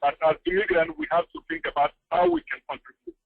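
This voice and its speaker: A man speaking as a panelist over a choppy phone line that keeps breaking up, earnest and pausing often with fillers. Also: sits high, huge pitch swings, creaky, slightly rough, no echo. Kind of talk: panel discussion. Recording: tinny phone line cutting in and out.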